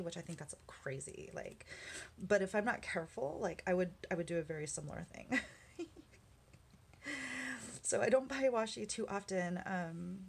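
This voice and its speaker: A woman's voice: on the low side, gravelly. Chatty woman rambling while she crafts. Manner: chatty and rambling, with many fillers and small laughs; mutters softly to herself while working. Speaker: craft vlogger. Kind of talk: casual chat while crafting. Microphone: camera on the work desk.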